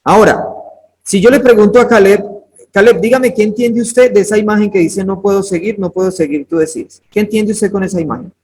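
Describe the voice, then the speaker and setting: Man with a high voice teaching a Bible class over a video call, chatty, calls on students by name. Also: brisk, darkish tone, low-quality recording. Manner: conversational, questions students by name. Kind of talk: interactive online class lecture.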